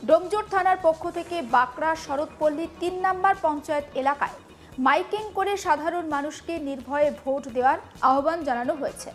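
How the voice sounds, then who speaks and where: A woman's voice: high-pitched, brisk, faint music behind. A woman news anchor, presenting a news report.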